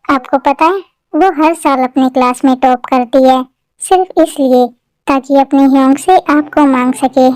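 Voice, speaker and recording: A woman's voice: high-pitched, a little slow, a little mellow, no room sound. A woman voicing a bold, outspoken young woman friend in a fan-made dubbed drama. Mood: urging. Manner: outspoken, pushy.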